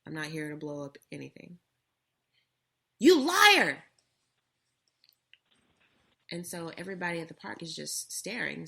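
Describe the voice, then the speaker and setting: A woman's voice: low voice, vocal fry, a bit bright. A young adult woman co-hosting a casual talk show, earnestly telling a personal story.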